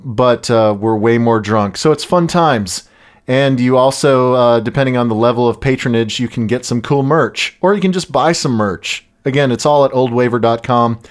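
Male podcast host, mid-range voice, relaxed and jokey, filler-heavy plugs. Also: mid-range voice. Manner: loose and jokey, with frequent "uh" fillers. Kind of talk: casual podcast chat and sponsor plugs.

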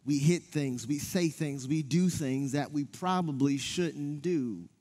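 High-voiced pastor preaching in a church hall. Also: male voice, slow. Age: 30s. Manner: animated storytelling preacher, speaks to the congregation directly. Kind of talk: sermon. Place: church sanctuary.

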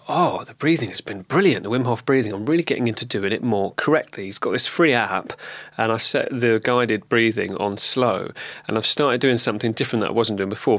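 A fairly low-pitched man talks into a close, dry mic in a casual video diary. He is fighting a lingering cold and rambles loosely, with frequent ums and restarts. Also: a bit bright, no echo. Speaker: vlogger.

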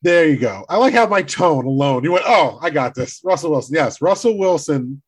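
A man's voice: on the high side, lively intonation, brisk, husky. A man co-hosting a sports podcast in casual chat, teasing dryly while reading out draft picks. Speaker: podcast co-host.

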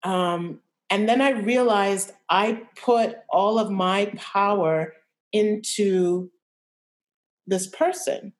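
A young adult woman telling a personal story as a podcast guest, reflective and halting, with many restarts. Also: mid-range voice, steady tone. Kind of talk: candid personal interview.

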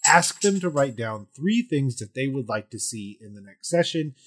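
Male podcast host, husky mid-range voice, casually explaining with emphatic repeats. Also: mid-range voice, big pitch swings, moderate pace. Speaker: podcast host and game master. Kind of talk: casual explanatory chat about tabletop gaming.

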